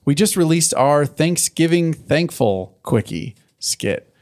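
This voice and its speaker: A man's voice: a little high, expressive, darkish tone. A man hosting a podcast, joking with his guests before running through the show's plugs in a casual way. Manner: joking, quick to riff. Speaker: podcast host. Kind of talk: casual chat and show plugs.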